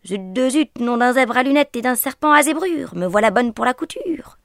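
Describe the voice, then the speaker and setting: A woman voicing a flustered mother who curses comically over a torn petticoat, in a breathy, husky voice. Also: sits high, expressive, normal speed, dry recording, studio quality, voice pushed up. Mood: exasperated. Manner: exasperated comic cursing.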